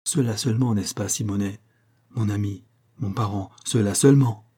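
A man reading the part of a dignified, fatherly male government minister in an audiobook, speaking gravely. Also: lowish voice, moderate pace, dark tone. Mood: solemn.

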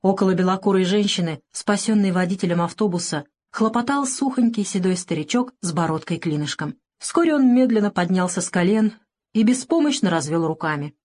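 A woman narrating an audiobook in an even, measured reading voice. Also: mid-range voice.

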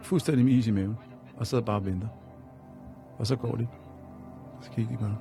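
A man's voice: mid-range voice, gravelly, music in the background. A man telling a personal story as a radio guest, in a rambling, repetitive way. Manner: rambling and repetitive, leaning on fillers.

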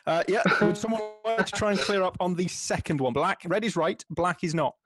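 A man's voice: high voice, a little fast, loud music behind the voice. A man hosting a quiz segment on a podcast over an online call, upbeat and wry. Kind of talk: casual chat.

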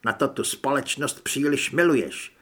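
A man's voice: medium pitch, a bit bright, natural voice. A man voicing a chubby, fanatical male occultist who whines when scared and turns commanding. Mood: menacing. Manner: whining and pleading when scared.

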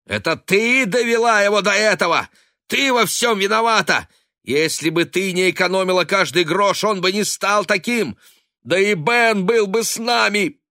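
A man's voice: high-pitched, moderate pace, bright, forceful tone, dry recording, clean studio sound, pitched above the performer's own voice. A man voicing a grief-stricken young woman who screams accusations in fury, in an audiobook reading. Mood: furious.

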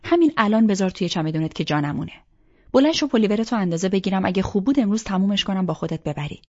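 A woman voicing a gentle fussing mother. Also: medium pitch, animated, close to an everyday voice. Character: caring middle-aged mother fussing over her daughter. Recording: dull lo-fi recording.

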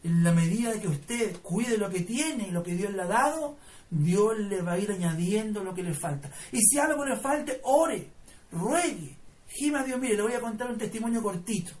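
Fervent Chilean pastor, heard from afar. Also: male voice, sits high, animated, normal speed, darkish tone, recorded from a distance. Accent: Chilean Spanish. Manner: fervent, folksy, addresses listeners as brother. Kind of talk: live sermon with personal testimony. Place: church service.

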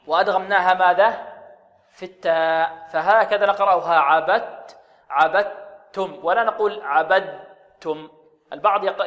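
High-voiced man teaching Quran recitation. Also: fairly bright tone, in a large hall. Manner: asks questions and answers them himself, slow drawn-out recitation of examples. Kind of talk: tajweed lesson with recited examples.

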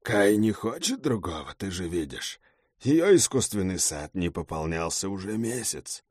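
A man's voice: low voice, big pitch swings, a little slow, a little mellow, dry recording, studio quality, exaggerated voice. A man voicing a hulking, blunt male gang leader in an audiobook. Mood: gruff. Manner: blunt, growling.

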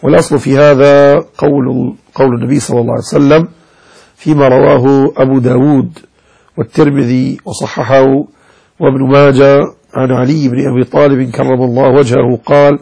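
A sheikh teaching Maliki jurisprudence gives a religious lesson in a Moroccan Arabic accent, explaining a legal text, showing how words should be pronounced, and speaking directly to his listeners. His medium-pitched voice is gravelly, warm and slightly rough, with a flat delivery at a slightly quick pace. The audio quality is poor.

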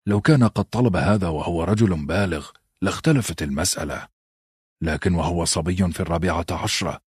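A man's voice: low voice, breathy edge, no room sound, studio quality. A man voicing a grave, brooding lord. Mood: resigned. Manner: slow, heavy, brooding. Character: grave northern lord, weary and troubled.

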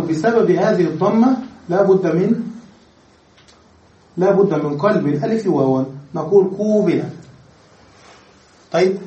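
A man's voice: high voice, darkish tone. A man teaching Arabic grammar in a classroom lecture, explaining step by step and asking the class questions. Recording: echoey room, recorded from far off.

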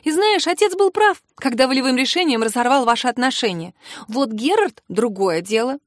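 A woman voicing a quick-tempered young noble sister who speaks in shrill, rising outbursts. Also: expressive, no echo, studio quality. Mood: gossiping.

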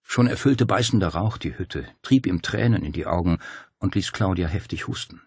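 A man reading a thriller audiobook in a steady, measured storytelling voice. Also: deep voice, breathy edge, no echo, clean studio sound. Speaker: audiobook narrator. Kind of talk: scripted narration.

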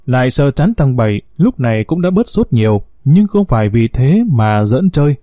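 A man narrating a first-person story in a steady, unhurried way as the storyteller of an audio series. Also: mid-range voice, dry recording, studio quality.

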